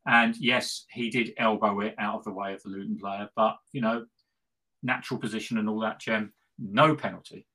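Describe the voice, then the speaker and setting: With a fairly low, pushed and bright voice, fairly even intonation and a moderate pace, a middle-aged football podcast co-host who backs West Ham chats casually. He's gleeful and tongue-in-cheek, repeating himself for emphasis, and the audio is poor.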